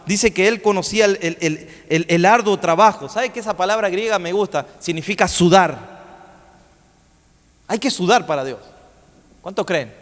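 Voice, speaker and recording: A man's voice: high-pitched, normal speed, long pauses. A man preaching a sermon in a church, telling a story and asking the congregation questions, often restarting his words. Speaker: guest preacher. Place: church sanctuary. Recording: long church hall reverb.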